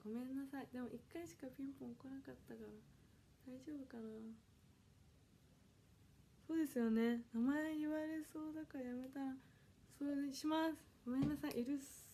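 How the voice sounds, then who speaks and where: A woman in her early twenties from Kanagawa chats on a home livestream in a high, mellow voice. She is polite and reads viewer comments aloud, apologizing often. Faint noise sits under her voice. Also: fairly even intonation, moderate pace. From Kanagawa, Japan. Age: 20s. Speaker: idol audition livestreamer. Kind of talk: casual solo livestream chat.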